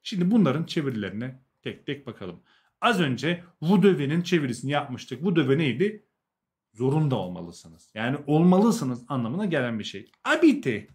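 A man's voice: medium pitch, very animated, normal speed, a little mellow. A young adult man with a Turkish accent teaching a live language lesson, explaining, translating and repeating key words for learners.

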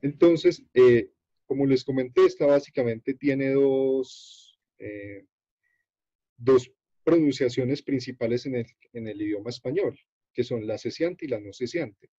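A Colombian man runs an online workshop over a video call and walks through a page on screen. His voice is dark and mellow with a husky edge. The audio is dull and dry, with no room sound. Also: medium pitch, dry recording. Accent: Colombian Spanish. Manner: unhurried, halting, many fillers and restarts. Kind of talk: explaining a screen-shared web page.

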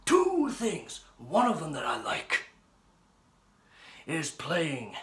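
A man playing a cocky, ranting comic pro wrestler in a theatrical wrestling promo, gravelly and swinging between hoarse whispers and shouts. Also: on the high side, huge pitch swings, very slow, exaggerated voice. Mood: taunting. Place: small bedroom, indoors.

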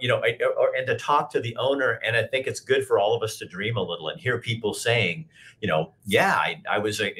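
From an office with a brick wall, a fifties-aged host conducts a relaxed interview over a video call picked up by his webcam. His lowish voice sounds pushed and bright, and his sentences wander loosely with many restarts.

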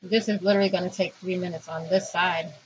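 Her voice sits on the low side with fairly even intonation, and she moves fast, chatting her way through each step of a home cooking vlog while her hands keep working. She's a woman in her thirties in an indoor home kitchen, recorded on a built-in camera or phone mic within arm's reach, with dull lo-fi audio, loud noise and clicking.

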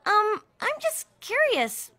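A woman's voice: very high-pitched, huge pitch swings, takes it slowly, pushed and bright, heavily acted. A woman voicing a frank, sporty teenage girl in a cartoon.

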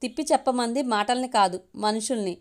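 A woman voicing a quick-tempered, jealous young wife in a storybook reading, scolding and sulky in her speech. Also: on the high side, a little mellow, close to an everyday voice. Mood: teasing.

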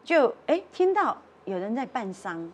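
A woman with a Taiwanese accent tells a story on a talk show, her voice husky and a touch high. Her pitch rises and falls a lot as she acts out the voices of the people in the tale. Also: sing-song, normal speed. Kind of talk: animated storytelling. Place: television studio.

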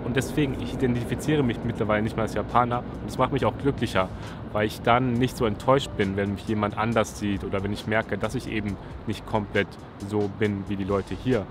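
A young man from Germany, low-voiced, chats in a relaxed way straight into a camera held at arm's length beside a city river. Music plays clearly under his voice. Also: fairly quick. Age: young adult. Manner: relaxed, chatty, thinking aloud. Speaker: YouTuber. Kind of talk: casual vlog talk to camera. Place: outdoors by a city riverside railing. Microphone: selfie camera at arm's length.

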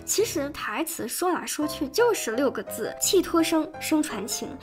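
Lively, high-voiced woman critic. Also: normal speed, over music. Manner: sharp and sarcastic. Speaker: video commentator. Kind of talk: critical video commentary.

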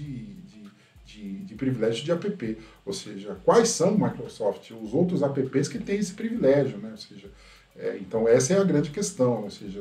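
A man gives critical tech commentary in a warm, mellow voice. His sentences keep trailing into a questioning "right?". He sits back from the mic, and the room adds a noticeable echo. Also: mid-range voice. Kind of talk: casual opinion commentary. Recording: roomy echo from a distant mic.

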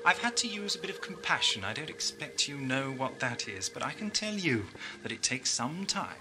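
A man's voice: medium pitch, very animated, moderate pace, over music, close to an everyday voice. A man with a British accent playing an eccentric, defiant, compassionate time-travelling hero in a sci-fi audio drama, theatrical and thoughtful. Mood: mocking defiance.

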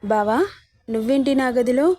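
A woman's voice: fairly high pitch, fairly even intonation, normal speed, darkish tone, dry recording, studio quality, close to an everyday voice. A woman reading a betrayed, outraged young woman. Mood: distressed.

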